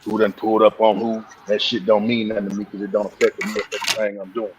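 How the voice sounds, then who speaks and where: A man in casual live stream chat, talking in halting bursts with restarts and frequent swearing. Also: fairly low pitch, little pitch movement, over a noisy crowd, poor audio. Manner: halting, profane, many restarts.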